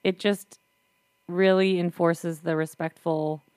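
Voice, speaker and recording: Young woman, lowish voice, dry recording, easygoing parenting chat. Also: level tone, takes it slowly, darkish tone, clean tone, no echo. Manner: easygoing, affirming. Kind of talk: casual chat about parenting.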